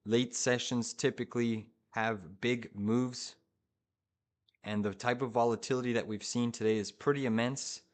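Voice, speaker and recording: A male day trader commentates live for his viewers in a medium-pitched voice. He sounds urgent and hyped, firing off short phrases and repeating them as he urges the market along. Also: steady tone, normal speed.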